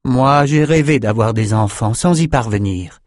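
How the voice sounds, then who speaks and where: A man's voice: mid-range voice, a little slow, no room sound, studio quality, lightly acted. A man voicing an imperious, possessive woman who heads a circle of scholars, speaking with condescending sweetness. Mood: indignant.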